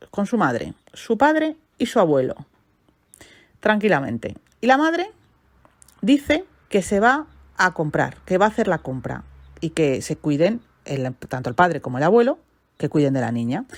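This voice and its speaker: Expressive woman telling a story. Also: lowish voice, moderate pace, no echo. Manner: animated, expressive, with rhetorical questions. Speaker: podcast host and therapist. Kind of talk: storytelling monologue.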